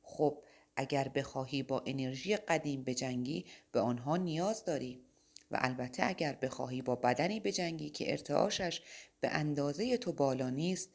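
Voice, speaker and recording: Calm angelic guide, audiobook, even, explanatory, low voice, woman reading. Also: creaky. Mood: explaining. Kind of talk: audiobook character voice.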